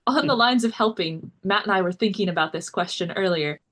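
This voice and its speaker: A woman with a Midwestern American accent, co-hosting a podcast chat, affirming and warm. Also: medium pitch, fairly quick. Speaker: podcast co-host. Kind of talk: casual chat.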